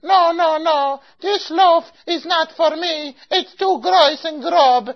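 Woman doing a high-voiced picky old matchmaker lady, broken english with yiddish bits, kinda muffled recording. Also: slow, exaggerated voice. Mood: fussy. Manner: picky, insistent, repeats herself. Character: fussy older woman customer and matchmaker. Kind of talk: amateur comic storytelling skit. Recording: dull lo-fi recording.

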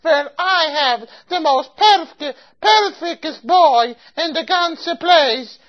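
In an amateur comic storytelling skit, a woman plays a fussy older customer who also works as a matchmaker, speaking broken English laced with Yiddish words. Her voice sits high and she speaks slowly, picky and insistent, repeating herself again and again. The recording is dull and lo-fi.

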